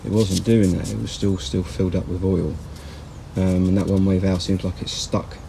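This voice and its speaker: Male DIY mechanic vlogger, dark monotone rasp, rambling plain talk. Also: low voice, moderate pace, slight background noise, poor audio. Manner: rambling, plain-spoken, self-correcting. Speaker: car repair vlogger. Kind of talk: casual workshop commentary. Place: outdoors in a yard.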